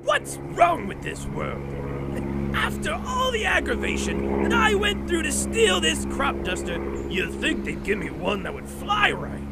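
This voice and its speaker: A man's voice: very high-pitched, wildly swooping pitch, measured pace, gravelly, full character voice. An actor playing a manic, gleefully petulant criminal madman in an audio drama, theatrical and taunting. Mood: aggrieved. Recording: noisy engine and vehicle din.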